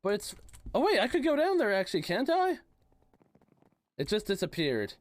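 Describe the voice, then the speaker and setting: Gamer streamer, male, bouncy animated delivery, teasing and slangy, voice a bit worn and hoarse. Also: high voice, normal speed, no room sound. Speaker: game streamer. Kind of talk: casual livestream chat, reading chat aloud.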